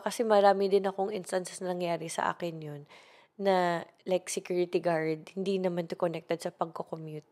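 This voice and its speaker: A woman's voice: medium pitch, darkish tone. Chatty young Filipino woman storyteller. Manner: chatty Taglish storytelling, addresses viewer as best friend. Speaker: content creator. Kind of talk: casual storytime.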